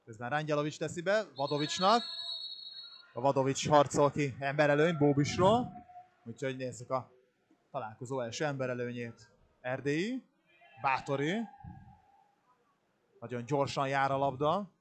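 A man's voice: mid-range voice, long pauses. A man giving live play-by-play commentary on water polo. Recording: steady pool-hall noise behind the voice. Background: indoor pool ambience.

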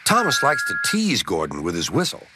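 Expressive male storybook narrator. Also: fairly low pitch, fairly quick. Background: loud music.

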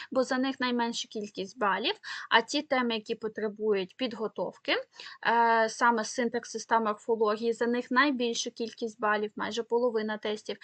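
A woman teacher with a Ukrainian accent explains exam material step by step, often pausing with fillers and checking in with the class. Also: a little high, fairly bright tone, no room sound. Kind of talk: exam-prep lesson.

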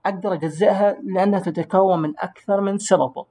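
A man, an English teacher giving a recorded grammar lesson, who explains patiently and slows down to pronounce English words. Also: high-pitched, steady tone, dark tone.

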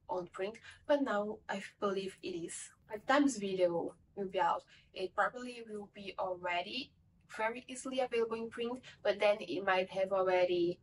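This is a young woman's casual, wandering book review, with frequent self-corrections, filmed in a home room full of bookshelves. She speaks Portuguese as her first language and comes from a Portuguese-speaking country, and her voice is mid-range. The camera is set back a little, so the mic is distant and the audio poor, with slight background noise.

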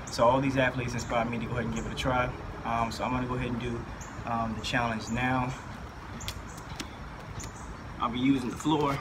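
Male fitness vlogger, casual and flat in pitch, outdoor camera audio with clear noise. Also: fairly quick, long pauses. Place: outdoors on a residential driveway. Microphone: camera a few meters away. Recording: noisy outdoor camera audio, background hum.

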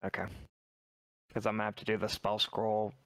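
A man's voice: lowish voice, completely flat delivery, a little fast, fairly bright tone, no room sound. A man chatting casually as a player in an online tabletop game.

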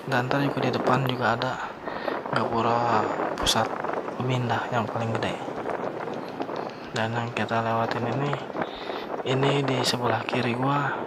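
A young man talks his viewers through a motorbike ride in a flat, laid-back voice. He sounds relaxed and slangy, recorded on a camera mic on the move. Engine and street traffic noise sit clearly under his words. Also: medium pitch. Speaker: motovlogger. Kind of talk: casual riding commentary. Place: riding a motorbike on town streets outdoors.

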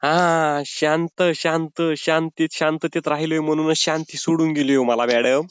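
A man's voice: fairly high pitch, level tone, a little slow, smooth, dry recording. A man making a comic prank phone call, pleading and whining in a mock-sobbing way. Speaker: prank caller.

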